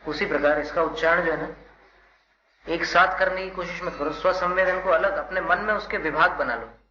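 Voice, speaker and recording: A man's voice: high voice, moderate pace. Man leading verse recitation in an echoey room. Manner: patient, instructive, stresses syllables. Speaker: Jain monk teacher. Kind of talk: leading call-and-response verse chanting, correcting pronunciation. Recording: roomy, dull, loud background noise.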